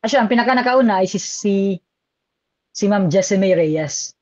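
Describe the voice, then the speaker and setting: A man's voice: high-pitched, animated, moderate pace, a little mellow, no echo, lo-fi sound. A man with a Filipino accent giving a live online exam review lecture, chatty and switching between languages as he reads out viewer comments.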